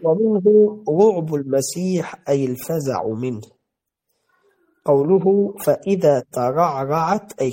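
A man's voice: fairly high pitch, warm tone. Man reading a classical text carefully. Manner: measured, careful reading with repeated words. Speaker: teacher.

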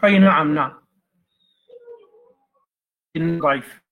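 A man's voice: fairly high pitch, measured pace, vocal fry, narrow, tinny audio. A man, a sheikh leading a lesson, giving short prompts over a choppy, glitchy connection that keeps breaking up. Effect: choppy, glitchy, breaking-up online audio. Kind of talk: brief remarks to a reader.

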